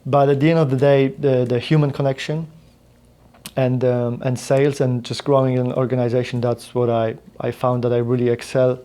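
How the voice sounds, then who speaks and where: This Polish man in his thirties, a native Polish speaker, recounts his life as a podcast guest in casual interview storytelling, rambling and restarting often with plenty of fillers. He talks at a moderate pace in a medium-pitched, level, dark-toned voice.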